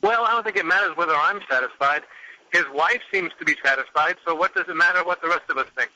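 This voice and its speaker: A man's voice: on the high side, quick pace, bright, forceful tone, poor audio. A man phoning in as a caller to a radio talk show to give his opinion.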